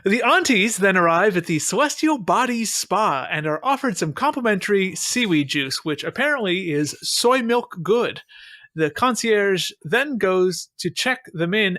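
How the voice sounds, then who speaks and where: A man's voice: high voice, pushed and bright, no echo. A man hosting a podcast, recapping an episode and chatting with a wry, sarcastic manner on a close mic. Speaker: podcast host. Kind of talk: casual chat and episode recap.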